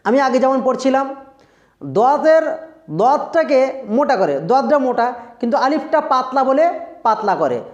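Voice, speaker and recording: A Quran recitation teacher giving a tajweed pronunciation lesson, explaining slowly and drawing out recited words to demonstrate them. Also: sits high, very animated. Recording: roomy, dull lo-fi recording.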